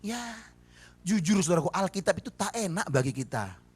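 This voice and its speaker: A man's voice: high-pitched, sing-song, fairly quick, slightly rough. A man preaching a sermon, emphatic and firing rhetorical questions at the congregation. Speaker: pastor. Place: church service.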